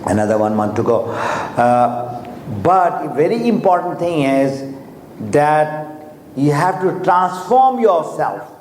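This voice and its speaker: In a large hotel seminar hall, a man who grew up speaking Urdu or Hindi gives a motivational talk in English, putting questions straight to his listeners. He speaks slowly and deliberately, with many fillers and restarts, in an animated, darkish voice on the high side. The echoey hall carries faint ambience and slight background noise.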